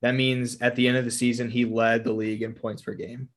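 A man's voice: medium pitch, little pitch movement, fairly quick. Young male host, casual, reads quiz options aloud, laughs often. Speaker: podcast host reading quiz questions. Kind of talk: casual chat.

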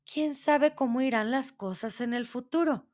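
A woman voicing a young miller's daughter turned queen, begging in a high, imploring voice in a storybook reading. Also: unhurried, a little mellow. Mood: despairing.

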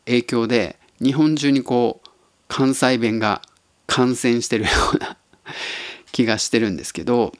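A man from Tottori hosts a casual solo podcast at a middle pitch. He muses in an easygoing, unhurried way and chuckles often. The voice sounds close and dry, with no room sound. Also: no echo. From Tottori, Japan. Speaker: podcast host.

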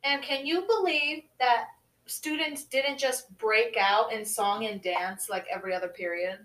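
A woman's voice: on the high side, measured pace, a bit bright. A young woman co-hosting a podcast in casual chat, giggly and playful, slipping into a Valley Girl voice. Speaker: podcast co-host. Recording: roomy, mic at a distance.

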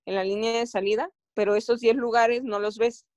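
A woman's voice: fairly high pitch, steady tone, brisk, a little mellow, dry recording. A woman with a Mexican accent, an athlete recounting her experiences in a casual interview, often stopping and restarting her phrases. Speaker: Olympic athlete guest.

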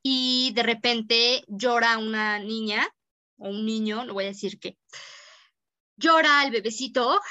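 A woman's voice: fairly high pitch, pushed and bright, dry recording, dull audio. A young Mexican woman co-hosting a podcast, telling a story in casual chat full of slang. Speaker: podcast co-host.

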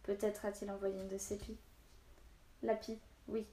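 Woman, storyteller, expressive read-aloud, mid pitch, roomy echo. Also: moderate pace. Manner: steady, expressive reading with voiced dialogue. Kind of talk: reading a children's novel aloud.

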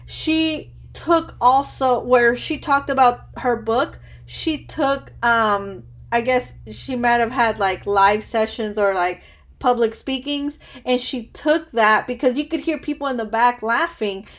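A woman's voice: fairly high pitch, slow pace. A woman in her thirties hosting a podcast interview, chatting casually and rambling with lots of "like". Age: 30s. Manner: chatty, rambling, says "like" constantly. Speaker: podcast host.

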